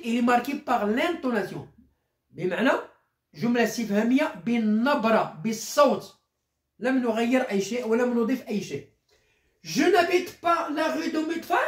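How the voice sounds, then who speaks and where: Teacher with a lively, echoing voice. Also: mid-range voice. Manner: explains slowly, repeating key phrases. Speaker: primary school teacher. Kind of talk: grammar lesson explanation.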